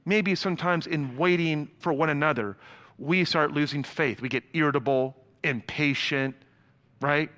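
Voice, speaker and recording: Guy preaching a sermon, kinda high voice, gets loud then drops real quiet, talks casual to the crowd, big echoey church hall. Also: moderate pace. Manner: casual slang asides to the congregation. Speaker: pastor.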